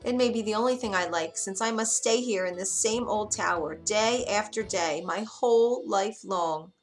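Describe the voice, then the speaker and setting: A woman voicing a gentle young maiden in a storybook reading, soft and earnest. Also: mid-range voice, normal speed, soft background music, lightly acted. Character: timid, gentle young maiden locked in a tower.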